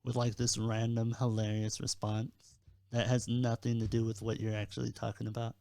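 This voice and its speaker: A man's voice: mid-range voice, level tone, moderate pace, gravelly, dark tone, no echo. Easygoing young man, chatty podcaster. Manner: easygoing, chatty, laughs often. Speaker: podcast co-host. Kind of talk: casual chat.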